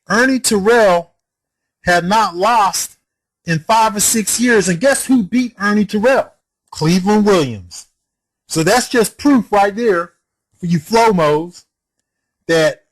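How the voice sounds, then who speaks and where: Casting: man with a high voice, argumentative and scolding, rapid rhetorical questions, heated rant. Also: poor audio. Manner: swears and scolds the viewer. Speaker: boxing commentator.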